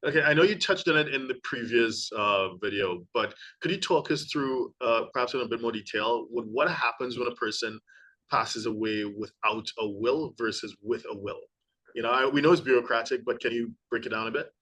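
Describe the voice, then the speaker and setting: Host guy, bright sharp voice, politely asking his guest stuff. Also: mid-range voice, poor audio. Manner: polite, measured questioning. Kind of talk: interview questions.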